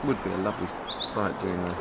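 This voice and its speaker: A man's voice: low voice, steady tone, fast talker, creaky, very noisy. Man, casual travel vlogger, self-mocking, laughs a lot, handheld camera mic, music under the voice. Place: outdoors and in a car in the countryside.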